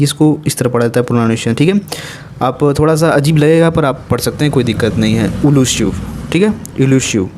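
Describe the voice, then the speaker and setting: Lively man teaching vocabulary. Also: fairly high pitch, slight background noise. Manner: lively and playful, chatty asides with quick laughs. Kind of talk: casual exam-prep lesson.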